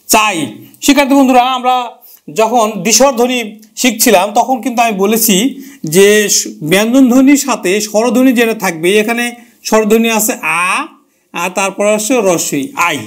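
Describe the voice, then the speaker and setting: A man teaching a grammar lesson who repeats key terms and asks and answers his own questions. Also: extremely high pitch.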